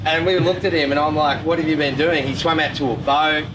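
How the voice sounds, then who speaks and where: A man's voice: fairly high pitch, steady tone, brisk. A man, a touring band member, telling loose, sweary anecdotes in casual speech. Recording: distant mic, loud vehicle noise.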